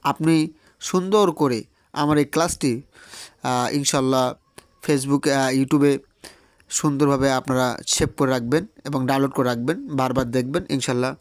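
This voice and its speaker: A man teaching a beginners' Quran reading class, drilling letter sounds slowly, repeating each one and answering his own questions. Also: medium pitch, fairly even intonation, no echo. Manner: drills sounds with slow repetition and call-and-response questions.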